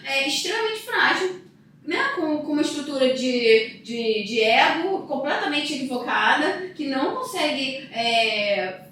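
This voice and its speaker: Psychologist guest, thirties woman, high pitch, reverberant distant sound. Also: expressive, measured pace, fairly bright tone. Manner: storytelling, emphatic. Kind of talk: casual podcast conversation. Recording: echoey room, voice from off-mic.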